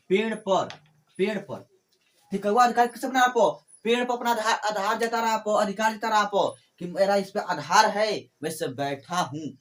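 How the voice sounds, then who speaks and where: A man's voice: sits high, fairly bright tone. A man teaching a grammar lesson. He asks questions and answers them himself, repeats phrases, and keeps dropping in small fillers like "okay". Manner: fills pauses with "ठीक है" and "आपको".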